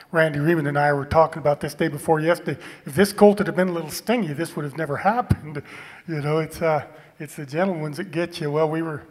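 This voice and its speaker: Higher-pitched man in a reverberant hall. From Eastern Oregon, United States. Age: middle-aged. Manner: halting, plainspoken, folksy. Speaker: cowboy poet introducing his poem. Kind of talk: cowboy poetry gathering stage talk, anecdotal storytelling. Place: stage in a hall.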